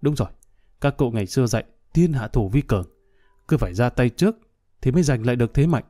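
A man's voice: medium pitch, animated, quick pace, warm tone, lightly acted. A man voicing a drunk, hot-tempered middle-aged man who rants and threatens revenge in a storybook reading. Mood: angry. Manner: blustering, vengeful rant.

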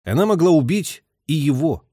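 A man's voice: on the high side, lively intonation, moderate pace, mellow, dry recording, clean studio sound. A man reading a war novel aloud with dramatic, varied delivery. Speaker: audiobook narrator.

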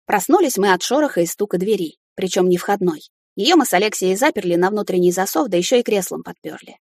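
A woman narrating a first-person fantasy audiobook expressively, rising higher and more heated in arguments. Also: expressive, fast, darkish tone, no echo, clean studio sound.

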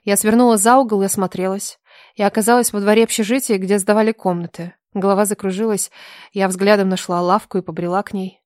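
A woman reading a first-person story as an audiobook, mostly in a subdued, soft voice. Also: medium pitch, steady tone, fast, no room sound, studio quality. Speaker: audiobook narrator.

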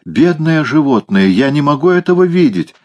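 A man's voice: a little high, big pitch swings, normal speed, darkish tone, voice pushed up. A man reading an audiobook, voicing a showy, melodramatic young woman of the street who whines and frets. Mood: dismayed.

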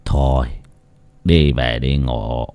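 A man doing a gruff, weary older father. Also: steady tone, slow, darkish tone, full character voice. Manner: low, gruff and curt.

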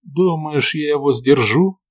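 A man reading an audiobook, voicing a cruel, scornful vampire lord who speaks slowly and emphatically. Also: fairly high pitch, pitched above the performer's own voice. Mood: menacing. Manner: hoarse, slow and emphatic.

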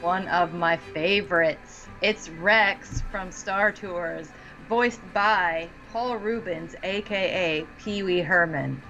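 Female co-host, slow relaxed delivery, short interjections, faint music bed. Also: lowish voice, muffled recording. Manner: relaxed, mostly brief agreements. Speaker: podcast co-host. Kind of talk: casual chat.

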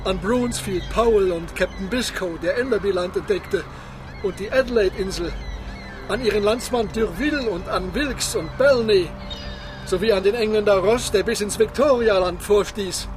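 An actor as proud Captain Nemo, solemn and high-pitched. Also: male voice, background noise, natural voice. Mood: proud, triumphant. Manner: grandiose, measured, declamatory. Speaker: actor in a radio play. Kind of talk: dramatic radio play acting. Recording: loud ambient sound effects behind the voice.

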